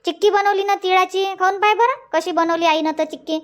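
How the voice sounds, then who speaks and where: In this cartoon comedy, a fussy old village grandmother keeps repeating one question, alternately chiding and coaxing. An actor plays her with a squeaky, extremely high voice and a Vidarbha Marathi accent, speaking fairly quickly in a steady, fairly bright tone.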